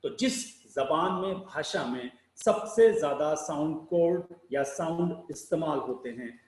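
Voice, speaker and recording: High, lively man lecturing in an echoey room. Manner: slow deliberate explanation, spells out sounds letter by letter; rhetorical questions, emphatic rises and sinking ends. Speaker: public speaking teacher.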